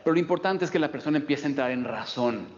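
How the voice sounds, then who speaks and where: A man lectures like a self-help coach, talking fast and checking in with his listeners again and again. His voice comes through a dull, muffled recording that rings with a long reverb. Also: on the high side, expressive. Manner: explanatory, frequent "¿ok?" check-ins. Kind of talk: motivational video lecture.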